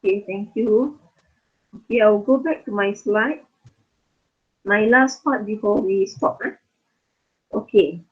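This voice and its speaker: A woman lecturing on statistics in an online class, losing her voice and speaking haltingly with many fillers. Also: medium pitch, slightly rough. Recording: phone-like narrow sound.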